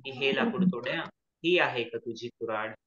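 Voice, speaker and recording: A man's voice: medium pitch, normal speed, fairly bright tone, lightly acted. A man doing a kindly, generous god. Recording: echoey, slightly dull recording.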